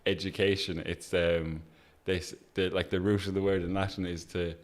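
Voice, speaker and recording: A man's voice: sits low, little pitch movement, normal speed. A man hosting a casual interview, talking in an informal, discursive way and checking that he is being followed. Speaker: podcast host.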